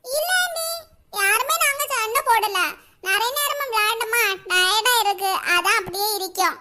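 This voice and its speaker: A woman voicing squabbling little kids in a cartoon, bossy and shrill as they shout out the count. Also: moderate pace. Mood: polite. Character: squabbling little village kids playing hide-and-seek. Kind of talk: cartoon voice acting.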